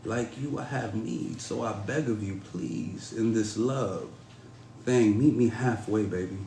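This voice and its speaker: A man performing a spoken-word poem to a woman in a measured, dramatic, pleading delivery. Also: lowish voice, gravelly, dark tone, slight background noise. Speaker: podcast host performing a poem. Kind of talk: spoken-word poetry recital. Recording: roomy echo.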